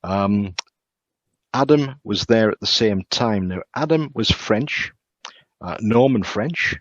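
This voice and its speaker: A man with a lowish voice tells ghost stories in a halting way, stumbling over words and filling gaps with ums. The sound is dry and muffled, close and dead, with little brightness. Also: lively intonation, no room sound. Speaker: castle guide. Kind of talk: casual storytelling.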